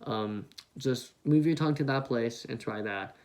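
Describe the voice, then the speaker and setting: A man's voice: mid-range voice, moderate pace. Guy on a headset mic teaching beginner beatbox, laid back, talks you through it and does the sounds. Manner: relaxed, explains step by step with beatbox sound demos. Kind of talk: casual tutorial.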